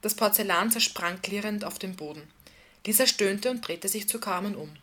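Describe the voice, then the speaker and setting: A woman reading passages from a novel aloud in a calm, even storytelling delivery. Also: medium pitch, normal speed. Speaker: reader.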